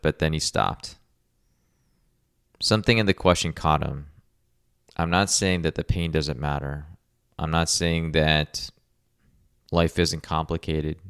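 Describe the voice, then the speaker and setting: Very deep-voiced man, calm coaching tone. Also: clear, resonant tone, dry recording, studio quality. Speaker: podcast host, rehab clinician. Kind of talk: scripted podcast monologue.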